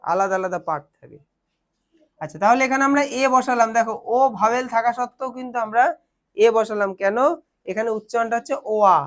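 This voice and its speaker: Woman, young, patient tutor, asks and answers her own questions. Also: medium pitch. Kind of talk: teaching Bengali to English translation to children.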